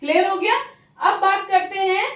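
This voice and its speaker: High-voiced Indian woman teaching grammar. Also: fairly even intonation, a bit bright. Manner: patient, explaining step by step, often checks in with "okay?"; slows down to spell out example words. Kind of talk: bilingual grammar lesson. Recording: roomy, mic some distance away.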